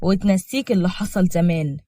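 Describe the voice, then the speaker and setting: A woman's voice: lowish voice, brisk, dark tone, no room sound, close to an everyday voice. A woman voicing a firm, caring father who counsels his son, in Egyptian Arabic. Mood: fatherly. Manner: fatherly, persuasive.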